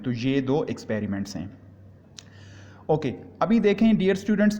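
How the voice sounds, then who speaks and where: A man's voice: on the high side, a little mellow. A man giving a physics lecture to students, explaining patiently and repeating key points. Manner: explanatory, repeats points, mixes English phrases. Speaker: physics teacher. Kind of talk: classroom lecture. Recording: reverberant room with faint ambient noise.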